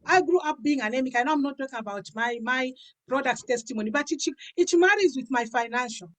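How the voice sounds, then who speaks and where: Her voice sits high and moves fast as this woman in her 50s, from Africa, recounts her own health and business testimony like a pastor. She talks conversationally but emphatically, repeating phrases to make her points land.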